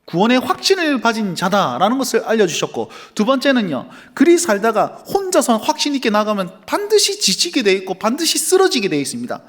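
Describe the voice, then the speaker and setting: A man's voice: very high-pitched, big pitch swings, a little fast, few pauses, a bit bright. A man, a pastor, preaching a sermon in a church and acting out bits of dialogue as he goes. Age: adult with young children. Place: church sanctuary.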